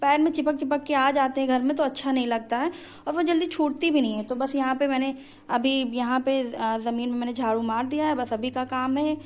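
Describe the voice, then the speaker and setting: A woman's voice: sits high, fairly even intonation, brisk. A young woman casually narrating her day for a vlog, chatting to viewers as friends. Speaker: vlogger.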